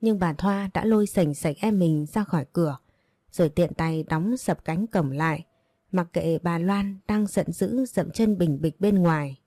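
A woman narrating a story in a steady scripted reading, voicing every part in a mostly even voice. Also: lowish voice, dry recording.

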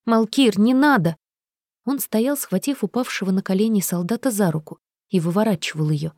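A woman reading first-person audiobook narration in an even, steady storytelling manner. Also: mid-range voice, brisk, dry recording, clean studio sound.

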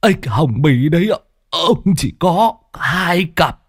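A man's voice: a little high, lively intonation, slow pace, breathy edge, no echo, clean studio sound, voice pushed up, exaggerated voice. A man voicing a frail, tearful old Taoist master who stammers and wails. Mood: weak lament. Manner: wailing, stammering.

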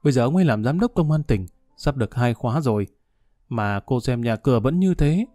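A calm older gentleman, read by a man, reasons and reassures. The voice is dark and mellow, and the recording is dry. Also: mid-range voice, fairly quick, no echo, soft background music, lightly acted. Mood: assured.

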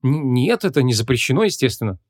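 A man voicing a brisk young female police detective in an audiobook. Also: mid-range voice, sing-song.

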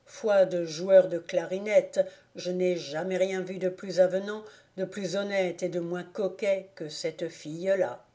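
A jovial village clarinet player from a storybook, hearty and speechifying, as read by a woman narrator. The voice stays close to the reader's own mellow, warm tone. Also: fairly low pitch, steady tone, measured pace, close to an everyday voice.

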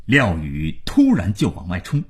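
A man narrating a serialized novel in an expressive storytelling style. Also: low voice, a little slow, husky. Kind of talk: storytelling broadcast.

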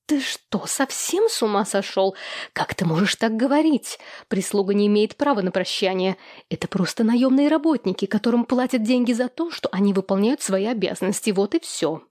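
A woman's voice: fairly quick, dry recording, clean studio sound, natural voice. A woman reading an audiobook, voicing a spiteful, haughty young woman who hisses and sneers. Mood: hissing contempt. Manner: shrill, sneering and shouting.

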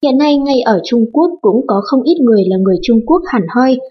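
Husky woman reading an audiobook. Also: fairly high pitch, expressive, brisk. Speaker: audiobook narrator. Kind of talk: scripted audiobook narration. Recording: dull lo-fi audiobook recording.

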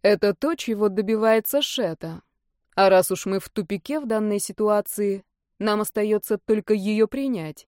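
A woman reading the part of a composed aristocratic male academy rector who speaks in a calm, matter-of-fact way. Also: mid-range voice, normal speed, dry recording, studio quality, close to an everyday voice.

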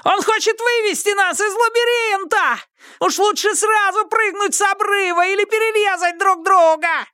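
A man reading aloud and voicing a frenzied young man in a shrill, screeching falsetto. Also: moderate pace, bright, forceful tone, no room sound, studio quality.

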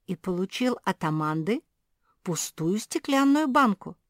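A woman's voice: medium pitch, sing-song, unhurried, no echo, studio quality, voice pushed up. A woman voicing a playful, teasing adult female dog in an audiobook. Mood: gossiping.

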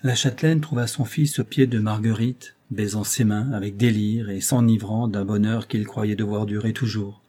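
A man narrates a classic story as an audiobook, measured and expressive. His voice sits low and mellow, with a husky edge.

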